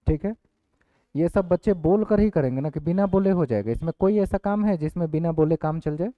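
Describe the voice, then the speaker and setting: A male teacher giving an online exam-prep class, dictating points slowly and repeating each one. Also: fairly high pitch, expressive, dry recording. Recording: dry, phone-like lo-fi audio.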